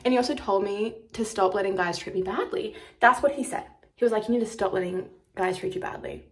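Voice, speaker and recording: A brisk, mid-range female voice belongs to a vlogger around 19, nearly 20. Talking to camera casually and confessionally, she's dramatic, rambles, and puts herself down.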